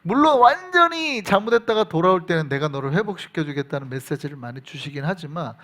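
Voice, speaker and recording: A man's voice: high-pitched, a bit bright. A man preaching a sermon who keeps asking the congregation questions. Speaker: pastor. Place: church.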